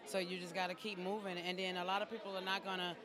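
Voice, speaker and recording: A man's voice: sits high, flat delivery, fast talker. A man, a music artist, giving casual, encouraging answers in an outdoor red carpet interview. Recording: loud crowd chatter outdoors.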